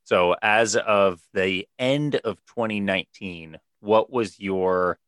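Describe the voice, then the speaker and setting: A man hosting a podcast interview, asking questions in a halting way and repeating words. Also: on the low side, fairly bright tone, clean tone, no room sound. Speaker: podcast host.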